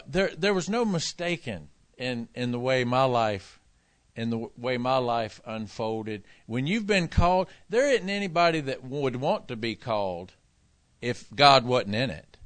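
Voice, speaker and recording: A man's voice: mid-range voice, fairly bright tone, no echo. A man preaching a sermon, telling a personal testimony in a folksy way and acting out the dialogue. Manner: folksy storyteller, acts out dialogue. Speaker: pastor.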